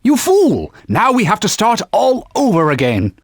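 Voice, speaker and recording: Voicing a video game's talking holy sword, a stern old knightly mentor who speaks formally and barks urgent warnings, a man uses an exaggerated, high-pitched voice with wildly swooping pitch at a measured pace. The tone is husky, formal and commanding. These game clips are a dry recording made on a studio mic.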